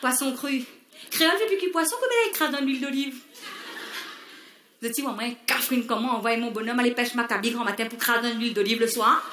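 Réunion Creole stand-up woman, bright voice, slightly high, roomy stage sound. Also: quick pace, a little hiss or hum. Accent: Réunion Creole French. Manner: loud, mock-indignant, punchy. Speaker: comedian. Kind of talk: stand-up comedy. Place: stage in a live show.

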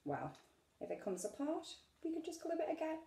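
In a high-pitched, sing-song voice that's gravelly yet warm, a middle-aged British woman casually shows a craft while working at her home dining-room table. She takes her time, speaking as she works, and the domestic room is echoey.

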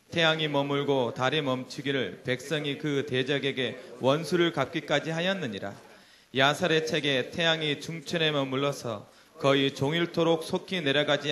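A man's voice: on the high side, a bit bright. A man in his thirties, a preacher opening his sermon and reading scripture aloud to the congregation on a handheld mic. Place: church hall stage before a seated crowd.

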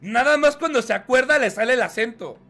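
A man's voice: extremely high pitch, expressive, brisk, sharp tone. A man with a Mexican accent reading chat on a live stream and mocking it with profanity and laughter. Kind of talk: casual live-stream commentary.

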